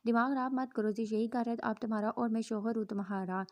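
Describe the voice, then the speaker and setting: A woman voicing a possessive, domineering young husband in an audio novel who gives sharp commands and threats. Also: a little high, steady tone, lightly acted. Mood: stern.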